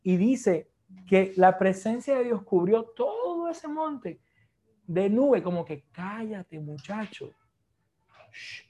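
A man preaching a sermon, lively and joking with the congregation, mixing Spanish with English phrases. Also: high-pitched, slow.

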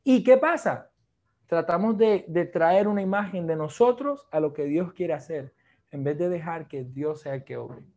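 A man preaching a sermon, lively and joking with the congregation, mixing Spanish with English phrases. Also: a little high, moderate pace.

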